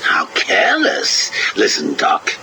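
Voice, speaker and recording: An actor playing a manic, mocking villain clown, heard played back from an old interview tape. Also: male voice, sits low, wildly swooping pitch, slow, vocal fry, exaggerated voice. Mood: sardonic. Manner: sarcastic, sing-song, cackling. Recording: hissy cassette tape recording.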